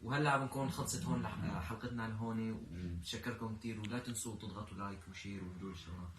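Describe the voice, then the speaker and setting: A man's voice: fairly low pitch, very fast, a bit bright. A man with a Levantine Arabic accent casually presenting a challenge video as a YouTube host. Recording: roomy, noisy, distant mic.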